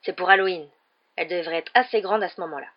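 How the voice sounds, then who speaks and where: A woman voicing a jovial male half-giant gamekeeper in a storybook reading, hearty and loud, with a dull lo-fi sound. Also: fairly low pitch, fast talker, lightly acted. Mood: cheerful.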